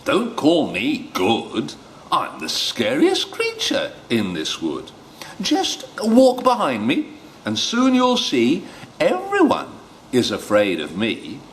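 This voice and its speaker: A man's voice: medium pitch, huge pitch swings, slow pace, slight background noise, pitched above the performer's own voice. A man voicing a small, brave, cheeky mouse from a children's storybook, in an exaggerated chirpy delivery. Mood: boastful.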